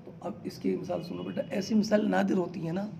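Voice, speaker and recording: A man teaching a class, explaining slowly term by term, asking his students question after question and calling them "beta". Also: high voice, fairly even intonation, creaky, dark tone, a little hiss or hum. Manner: quizzes students with repeated questions; addresses listeners as "beta". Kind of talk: classroom lecture.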